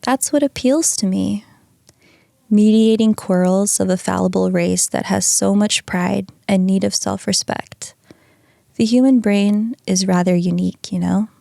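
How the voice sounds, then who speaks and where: A woman voicing a hypnotized male patient who calmly reflects on his soul's choices, reading from a printed script. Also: mid-range voice, measured pace, vocal fry, no room sound, studio quality. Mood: reflective. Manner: calm, reflective answers read from a script.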